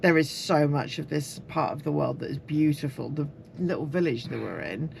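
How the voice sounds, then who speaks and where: A woman's voice: low voice, moderate pace, creaky, a little mellow, slight background noise. A woman chatting casually in a travel vlog from a motorhome, making dry, wry asides. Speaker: vlogger, co-host. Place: motorhome on the road.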